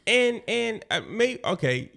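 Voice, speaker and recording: Gravelly-voiced man in casual chat. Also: sits high, sing-song, slow pace, bright, forceful tone. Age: 40s. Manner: loose, slangy, rambling with restarts. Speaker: podcast co-host.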